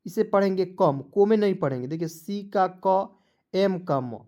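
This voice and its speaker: A man's voice: high voice, expressive, a little slow, darkish tone. Man breaking words apart letter by letter. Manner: addresses viewers as friends, asks for likes. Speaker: English teacher. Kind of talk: online spoken lesson.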